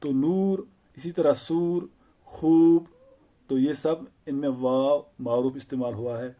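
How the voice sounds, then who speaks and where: A man teaches Urdu grammar slowly and patiently, using repeated examples and rhetorical questions. His voice is mellow and medium-pitched, with a steady tone.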